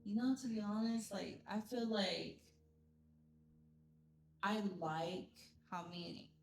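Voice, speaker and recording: A woman's voice: medium pitch, slow, gravelly. A young woman chatting casually as a podcast guest, telling stories and acting out what people said. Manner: animated storytelling, acts out quotes. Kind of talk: casual chat. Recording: echoey room with music behind.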